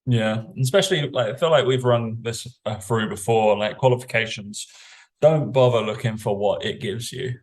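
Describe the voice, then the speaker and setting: A man's voice: mid-range voice, normal speed. A British man, a fitness coach, chatting casually on a podcast in a blunt, sweary, rambling way.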